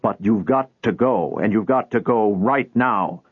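A man voicing a stern, blunt male stranger, close to his own low, husky voice. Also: measured pace, dry recording. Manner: blunt, firm. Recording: tinny phone-like dry recording.

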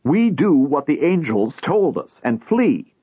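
A man voicing a desperate older man who pleads and bargains, lifting his voice well above his own husky tone. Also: on the high side, big pitch swings, unhurried, dry recording, voice pushed up, full character voice. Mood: fearful. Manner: pleading, persuasive. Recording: tinny phone-like dry recording.

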